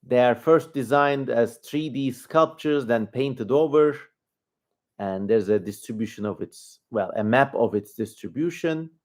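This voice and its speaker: Male livestream host, Turkish accent, mid-range voice. Informal, rambling commentary, thinking out loud as he goes. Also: medium pitch, unhurried. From Turkey.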